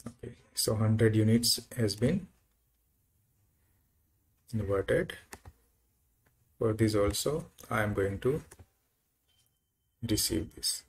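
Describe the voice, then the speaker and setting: Slow, gravelly-voiced man walking through software. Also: on the low side. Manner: unhurried, thinking aloud with frequent uh fillers. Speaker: software tutorial presenter. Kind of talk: screen-recorded software walkthrough.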